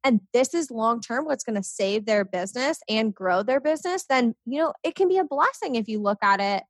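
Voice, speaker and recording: A young woman in casual conversation, upbeat and animated, talking with lots of fillers. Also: a little high, fairly quick, dry recording. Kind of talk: casual chat.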